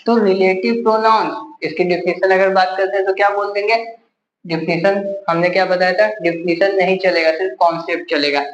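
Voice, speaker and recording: A man's voice: sits high, steady tone, fairly quick, echoey room, dull audio, faint music behind. A male teacher giving a grammar lesson with a Hindi accent, constantly asking the class rhetorical questions and answering them himself.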